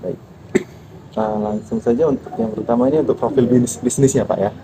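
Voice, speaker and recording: A man's voice: mid-range voice, steady tone, brisk. A young man, a student, politely asking interview questions with some hesitation and fillers. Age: young adult. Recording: noisy background with passing vehicles.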